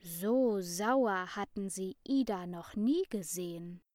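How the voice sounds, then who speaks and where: A woman reading a children's story aloud in a slow, careful storybook manner. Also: medium pitch, darkish tone, no echo.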